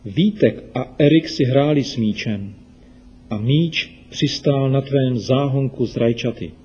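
A man voicing a patient, gentle mother in a children's radio story. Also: mid-range voice, slightly rough, highs cut off, lightly acted. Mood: soothing.

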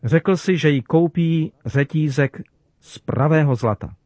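A man preaching to children, telling a story in a gentle, measured way. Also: a little high, dry recording.

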